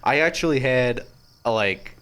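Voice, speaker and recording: A young man co-hosting a sports podcast, chatting casually, joking and rambling with quick laughs. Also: mid-range voice, lively intonation, a bit bright, clear, resonant tone. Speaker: podcast co-host.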